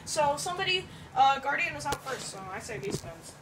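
Woman bossing the group around, high pitched, far from mic. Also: sing-song, a little fast. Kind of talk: casual group chat. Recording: noisy recording from a distance.

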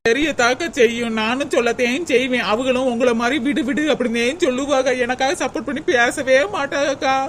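A woman's voice: sits high, fairly even intonation, a little fast, few pauses, a little hiss or hum, close to an everyday voice. A woman voicing a put-upon young village wife in a cartoon, aggrieved and pleading, with a south Tamil Nadu accent. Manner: aggrieved, pleading, calls others akka. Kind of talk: cartoon voice acting.

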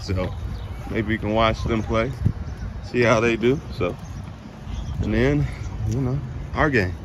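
A man in his thirties, a father, vlogs a road trip on a phone camera held at arm's length, moving between the car, a hotel and the outdoors. His fairly low voice comes at a slow pace over background noise. He chats easily with his son, repeating phrases in an easygoing way.

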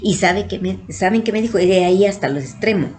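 A woman's voice: mid-range voice, brisk, darkish tone, slight background noise. A woman from Guatemala, a vlogger, earnestly recounting a personal experience to her viewers and repeating phrases for emphasis. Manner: earnest, repeats herself for emphasis, frequent "le dije" and "miren".

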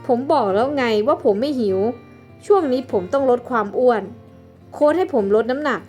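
A woman's voice: high voice, expressive, normal speed, dark tone, soft background music. A woman voicing a nervous, irritable young man haunted by guilt in a homemade life-sim drama. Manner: nervous, snappish.

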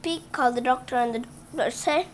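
Indoors at home with a picture book on the table, a female channel host reads aloud to children in a high, brisk voice. She stumbles and restarts on words, pausing for chatty asides to the kids.

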